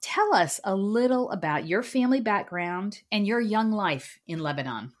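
A woman's voice: medium pitch, expressive, moderate pace. A woman hosting a faith interview who asks questions in an encouraging way. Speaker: host.

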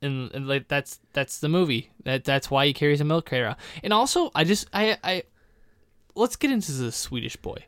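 Animated ranting podcast guy. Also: on the high side, normal speed, smooth, no echo, clean studio sound. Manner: animated, ranting, lots of restarts. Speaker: podcast co-host. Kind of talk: casual chat.

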